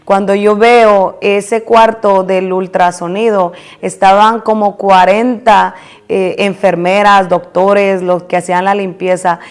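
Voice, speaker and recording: A woman's voice: mid-range voice, little pitch movement, slow, smooth. Woman pastor telling her testimony. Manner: storytelling, acting out past conversations. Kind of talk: personal testimony in a sermon.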